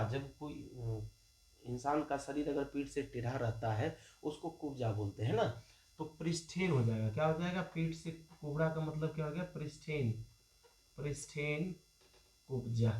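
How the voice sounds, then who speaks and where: A male Sanskrit teacher with a Bihari Hindi accent, giving a grammar lesson. He asks questions and answers them himself, and he repeats key terms. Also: on the high side. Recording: echoey classroom.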